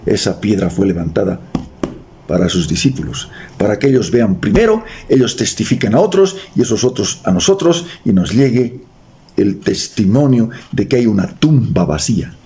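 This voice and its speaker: Gravelly Bolivian preacher, lively pitch. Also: male voice, normal speed, a crowd in the background. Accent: Bolivian Spanish. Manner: reads verses aloud, adds jokes and quizzes the congregation. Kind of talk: sermon with scripture reading. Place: church.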